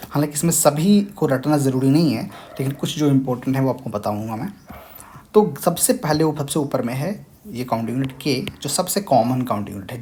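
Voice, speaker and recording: A man's voice: medium pitch, warm tone, slight background noise. A young man, a language teacher patiently explaining a lesson step by step. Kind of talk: screen-share tutorial explanation.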